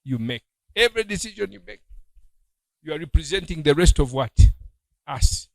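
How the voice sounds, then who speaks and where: A gravelly-voiced man preaches as a bishop, pitched a little high. He teaches in a call-and-response way, stopping on "what?" so the listeners finish his sentences. The sound is dry and close. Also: animated, normal speed, no echo, low-quality recording. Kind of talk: sermon teaching.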